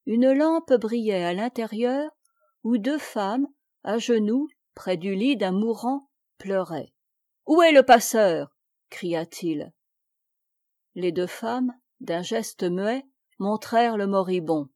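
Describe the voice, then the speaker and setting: Slow, mellow woman reading a tale. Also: mid-range voice, no echo, clean studio sound. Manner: measured, deliberate reading. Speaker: audiobook reader. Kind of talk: scripted narration of a classic tale.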